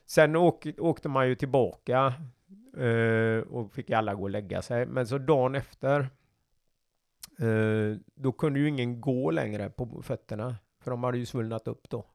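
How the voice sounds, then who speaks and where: A man, a former coast ranger, telling lively anecdotes as a podcast guest and acting out the voices in them. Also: mid-range voice, gravelly. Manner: lively, acts out voices in his stories. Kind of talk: casual anecdotal storytelling.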